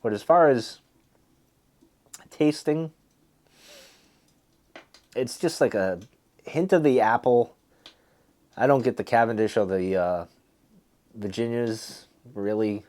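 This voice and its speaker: A man's voice: medium pitch, slow pace, long pauses, darkish tone. Man casually musing through a review. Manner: musing, hesitant, thinking aloud. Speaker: pipe tobacco reviewer hosting a video. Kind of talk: casual rambling product review.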